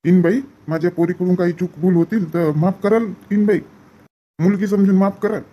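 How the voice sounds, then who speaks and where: A man, acting a tender rural father and relatives at a daughter's farewell in a comedy skit, soft and pleading, repeating comforting words. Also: sits high, steady tone, moderate pace, breathy edge, muffled recording.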